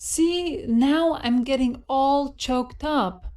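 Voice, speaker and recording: A high, slow voice of an affectionate young woman, played by a woman in a scripted lesson dialogue. Every word comes out clear and expressive. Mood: delighted.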